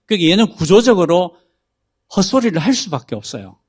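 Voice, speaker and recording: A very animated man with a high-pitched voice talks briskly as a talk show guest explaining AI. He patiently describes how a chatbot works and reads example prompts aloud.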